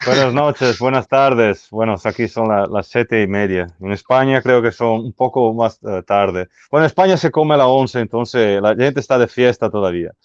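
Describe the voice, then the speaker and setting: An Italian man with an Italian accent speaks Spanish as a guest in a casual interview chat, often halting to search for words and restarting. His voice is mid-range, with no echo, and the audio is dull and muffled.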